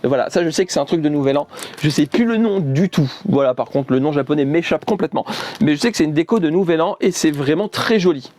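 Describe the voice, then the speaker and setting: A man's voice: a little high, animated, fast, a little mellow. A man chatting casually while unboxing gifts on camera, rambling, joking and laughing often. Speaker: YouTuber unboxing a subscription box.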